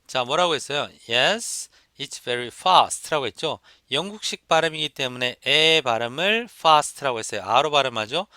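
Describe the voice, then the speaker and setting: A man's voice: mid-range voice, expressive, normal speed, hardly any pauses, bright, forceful tone, clear, resonant tone, no room sound, clean studio sound. A man teaching an exam listening lesson, explaining step by step and repeating examples for students to copy. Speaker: English test instructor. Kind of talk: lecture.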